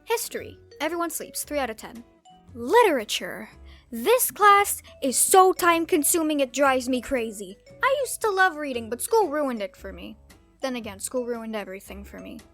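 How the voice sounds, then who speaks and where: Animated and fairly bright, a high-voiced teenage girl from Turkey runs through a scripted YouTube vlog monologue at normal speed. She plays it wry and sarcastic, erupting into comic outbursts, while soft music plays in the background.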